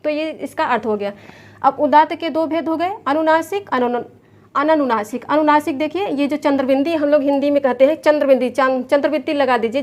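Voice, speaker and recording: A woman, patiently teaching an exam lesson from a chart, repeating terms and counting them aloud. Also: sits high. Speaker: Sanskrit exam coach. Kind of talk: recorded online lesson explaining a chart.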